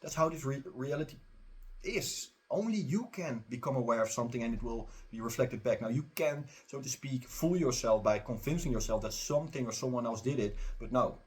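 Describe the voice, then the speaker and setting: A man's voice: mid-range voice, brisk, breathy edge. A man who runs a spiritual teaching channel, talking straight to his viewers in a casual, emphatic, repetitive way. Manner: emphatic, repetitive, urging the listener. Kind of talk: casual spiritual pep talk.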